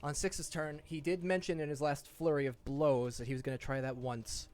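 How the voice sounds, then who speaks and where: A man acting as game master, improvising descriptive narration with dramatic pauses. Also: on the high side, little pitch movement, a little mellow.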